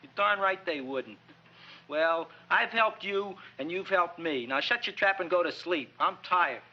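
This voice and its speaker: High, sharp-voiced nerdy young American man. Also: unhurried, heavily acted. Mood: exasperated. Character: meek, flustered young man, eager and nerdy. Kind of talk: 1960s comedy film acting. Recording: dull old film soundtrack, faint music.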